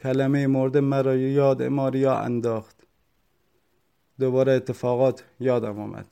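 A man's voice: medium pitch, gravelly, warm tone. A man narrating a first-person story in a dramatic reading style, acting out the dialogue.

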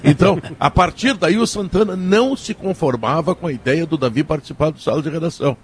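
A man, a veteran sports journalist explaining in a measured way. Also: on the high side, animated, husky. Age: 70s. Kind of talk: reflective storytelling.

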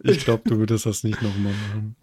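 A man's voice: lowish voice, steady tone, a little fast, mellow, a little hiss or hum. A young man co-hosting a podcast, teasing his partner with dry remarks, crude jokes and short interjections. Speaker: podcast co-host. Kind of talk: casual chat.

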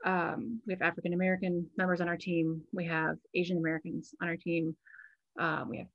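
A woman's voice: fairly low pitch, monotone, a little fast, dull audio. A woman guest talking casually in an interview, chatty and restarting her sentences as she thinks. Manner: chatty, repeats words while thinking, many "um"s. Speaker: guest, burlesque performer and show producer. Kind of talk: conversational interview answers. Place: home, on a video call.

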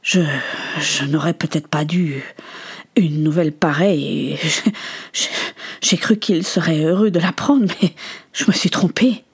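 A woman voicing a caring young aunt who speaks softly and hesitantly. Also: deep voice, unhurried, long pauses, husky, exaggerated voice. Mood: soothing. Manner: soft, hesitant.

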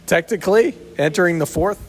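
A man's voice: high-pitched, brisk, a little hiss or hum. A man co-hosting a podcast in casual, teasing chat, recorded in a sheltered outdoor spot with a big echoey reverb around his voice. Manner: easygoing, teasing, chuckles often. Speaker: podcast co-host.

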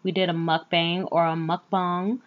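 A woman's voice: lowish voice, level tone, normal speed, muffled recording. A woman hosting a podcast solo, chatting in an informal, candid way. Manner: informal, candid, uses y'all. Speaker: podcast host. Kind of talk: casual solo podcast chat. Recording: slightly off, recorded on wrong mic.

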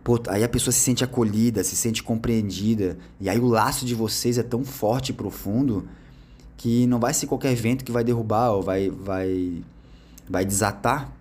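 A man's voice: on the low side, moderate pace, darkish tone, a little hiss or hum. A Brazilian man giving relationship advice in a casual monologue, slangy and emphatic, talking straight to his audience.

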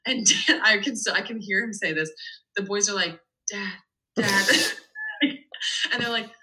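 A woman's voice: mid-range voice, moderate pace, low-quality recording. A woman in her thirties, a mother who works in medicine, telling funny family stories as a guest on a podcast, laughing and acting out quotes. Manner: animated, laughs often, acts out quotes. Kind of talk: casual storytelling chat.

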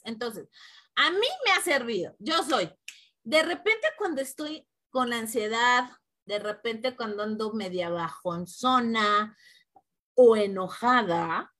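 A woman's voice: on the high side, fairly bright tone. A woman, co-hosting a casual spiritual podcast chat and earnestly chanting repeated affirmations. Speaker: podcast co-host.

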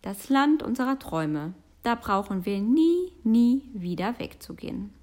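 A woman's voice: on the high side, big pitch swings, unhurried, a little mellow. A woman voicing a cozy, dreamy little male tiger in a storybook, in a raised voice.

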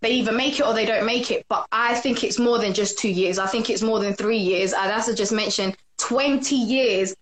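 Gushing woman livestream host, high pitch, echoey room sound. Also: moderate pace, few pauses. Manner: excited, gushing. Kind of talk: casual livestream chat.

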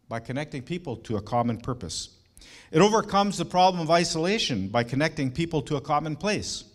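A middle-aged man preaching a sermon, earnest and emphatic, with rhetorical questions and warm personal asides to the congregation. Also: a little high. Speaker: pastor.

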